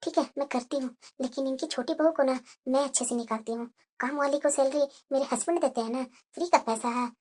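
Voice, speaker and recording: A selfish elder daughter-in-law from a family cartoon, sarcastic and resentful, played by a woman. The voice is very high and bright, with a sharp, cutting edge. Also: a little fast. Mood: muttering. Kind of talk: cartoon voice acting.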